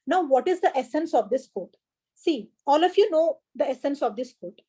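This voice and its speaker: Her high-pitched voice is expressive and warm, moving at a normal pace as she teaches a live exam coaching session online. The Indian English-accented teacher greets each student by name, offers encouragement, and restates key ideas through a laptop or headset mic on the call.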